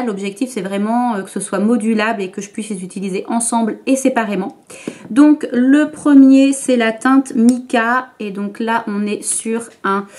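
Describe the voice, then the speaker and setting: A woman beauty vlogger explains her makeup step by step to the camera in a relaxed, chatty way. Her voice sits a little high, and she speaks slowly. She often stops for fillers and restarts her sentences. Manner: chatty, hesitant with many fillers. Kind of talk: makeup tutorial talk to camera.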